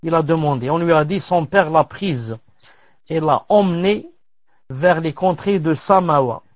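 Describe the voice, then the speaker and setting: A man teaching as he reads aloud from a classical religious text, pausing to comment and dropping in Arabic religious terms. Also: on the high side, no echo. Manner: measured reading with pauses and Arabic religious terms. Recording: dull lo-fi dry recording.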